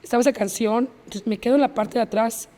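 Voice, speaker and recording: Guesting on a podcast, a woman with a Mexican accent vividly retells a personal story, acting out old conversations and repeating phrases as she relives the scene. She talks fast at a fairly high pitch with fairly even intonation and a mellow tone, and the audio has big-room sound.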